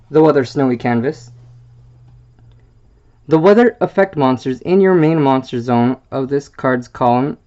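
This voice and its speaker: A man's voice: medium pitch, warm tone. Man reading card text, slightly muffled. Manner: halting, stumbles over card wording with fillers. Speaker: YouTube deck presenter.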